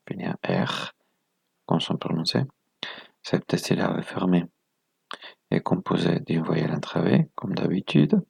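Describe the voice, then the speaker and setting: A man's voice: low voice, huge pitch swings, a little slow, creaky, long pauses, darkish tone, husky, dry recording. A man presenting a video lesson, explaining step by step in a methodical way, counting items aloud and correcting himself as he goes.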